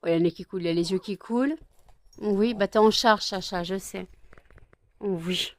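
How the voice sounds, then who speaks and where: A woman's voice: mid-range voice, normal speed, no room sound. A woman vlogging casually, chatty and full of hesitations, who sounds tired. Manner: chatty, many hesitations, scolding pets affectionately. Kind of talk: casual vlog chat.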